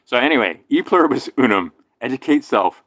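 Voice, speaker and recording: A man from Hawaii with a slight lisp from a damaged tooth, rambling through a casual monologue, swinging between loud emphatic bursts and low mutters. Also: lively intonation, fairly quick, no room sound. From island in Hawaii. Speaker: vlogger.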